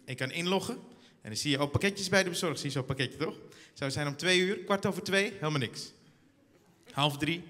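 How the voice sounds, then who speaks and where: Male stand-up comic, animated storyteller, bright and forceful, on a theater stage with long reverb. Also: sits high. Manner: animated storytelling, acts out scenes. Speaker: stand-up comedian. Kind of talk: stand-up comedy routine.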